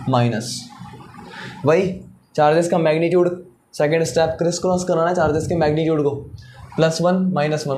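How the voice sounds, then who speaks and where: A man's voice: on the high side, a little mellow, slight background noise. A man teaching chemistry in a classroom-style lecture. He asks questions, answers them himself, and repeats each step.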